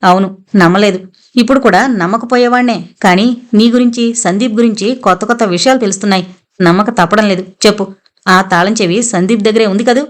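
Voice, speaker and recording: A woman's voice: medium pitch, fast, close to an everyday voice. A woman reading the lines of a stern, sarcastic male police inspector who talks in blunt commands. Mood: accusing.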